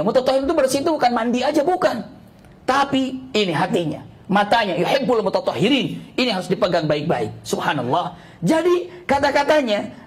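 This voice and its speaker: Preacher guy, sermon to a study group, voice jumps all over, repeats words a lot, throws in arabic. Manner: animated, repeats words for emphasis, pitch swings up and down; mixes in Arabic phrases. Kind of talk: Islamic sermon to a study circle.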